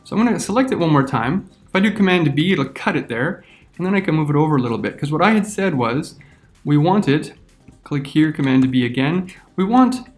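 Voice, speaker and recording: Man talking through a software tutorial. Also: fairly high pitch. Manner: talks through each step while clicking. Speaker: teacher. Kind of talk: screen-recorded software tutorial.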